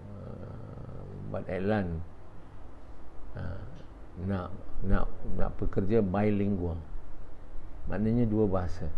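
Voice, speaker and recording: A man's voice: deep voice, gravelly, a little hiss or hum. A man giving an after-dawn religious lecture, often asking the audience questions and dropping in short "ha" interjections. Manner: peppers speech with short "ha" interjections. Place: a house in a residential area. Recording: dull lo-fi recording.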